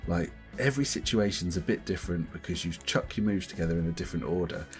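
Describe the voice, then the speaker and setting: A man co-hosting a podcast, chatting casually about games, animated and laughing often as he talks. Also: deep voice, quick pace, soft background music. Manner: animated, laughs often, puts on voices to mimic others. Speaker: podcast co-host.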